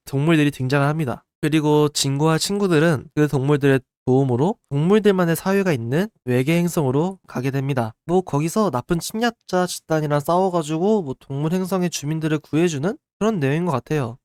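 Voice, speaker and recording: Hosting a radio-style horror story channel, a man tells urban legends conversationally and explains them by posing questions to his listeners. His voice is fairly high-pitched with a darkish tone, recorded at studio quality with no echo, while music plays behind him.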